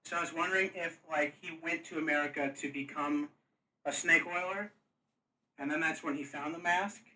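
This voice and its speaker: Bright-voiced man as game master. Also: fairly high pitch, fairly even intonation, distant mic, low-quality recording. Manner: rambling, halting with restarts. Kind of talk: casual tabletop lore talk.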